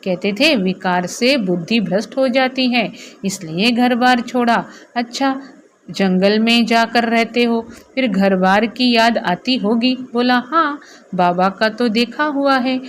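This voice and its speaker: Woman teacher reading a spiritual talk real slow, repeats lines then explains, light background hum. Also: on the high side.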